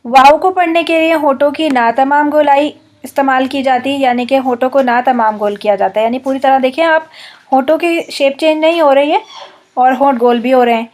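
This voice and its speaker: A woman teaching recitation in a slow, careful way, saying each example word twice. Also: sits high, steady tone, a little mellow. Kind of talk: online lesson.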